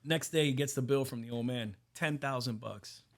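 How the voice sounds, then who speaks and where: A man's voice: medium pitch, moderate pace. A man co-hosting a casual podcast, telling anecdotes animatedly and swearing a lot. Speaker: podcast co-host.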